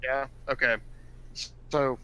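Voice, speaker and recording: A man's voice: mid-range voice, little pitch movement, slow pace, bright, forceful tone, smooth, highs cut off. A man co-hosting a casual gaming podcast from home over a headset, rambling and joking with lots of fillers. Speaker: podcast co-host.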